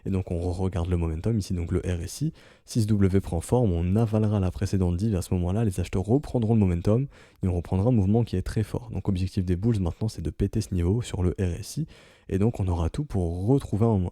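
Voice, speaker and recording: A man with a deep, very mellow voice talks through market charts in a casual, explanatory way. He keeps checking in with his listeners as he goes, and the sound is dry and close with no room around it. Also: no room sound. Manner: explanatory, peppered with "ok?" and "hein". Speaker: crypto market analyst. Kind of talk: casual chart analysis commentary.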